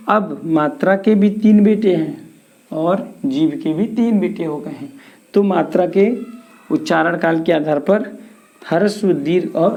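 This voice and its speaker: A man's voice: on the high side, warm tone. A man teaching a grammar lesson for exam preparation, asking questions and answering them himself.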